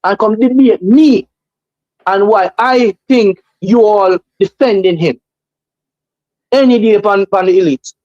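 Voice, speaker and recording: A man's voice: high voice, a little slow, pauses often, a little mellow, no room sound, dull audio. A man with a Jamaican accent talking casually and emphatically as a guest on a talk show, repeating phrases to drive his opinions home.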